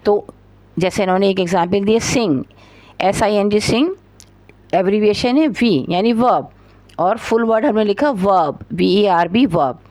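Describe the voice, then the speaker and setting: A woman's voice: medium pitch, darkish tone, dry recording. Careful Urdu-accented woman teaching English. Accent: Pakistani Urdu. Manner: slow and careful reading of English, then explaining it; spells words out letter by letter. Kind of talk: spoken textbook lesson.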